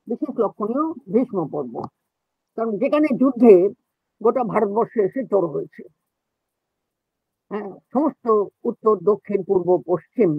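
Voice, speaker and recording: A man's voice: sits high, breathy edge, no echo. A man giving an explanatory lecture as the teacher of a reading class, asking rhetorical questions as he goes. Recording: dull, muffled lo-fi sound.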